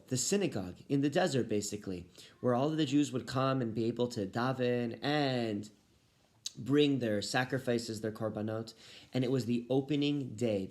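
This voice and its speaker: A man's voice: medium pitch, a little mellow. A man speaking as a rabbi, giving a short Torah talk addressed to children and families.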